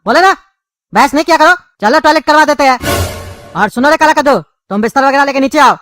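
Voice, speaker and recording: A woman voicing an irritable, bossy middle-aged father in a cartoon, speaking fast and gruffly. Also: sits high, lively intonation, a bit bright, no echo, clean studio sound, soft background music. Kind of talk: cartoon dubbing.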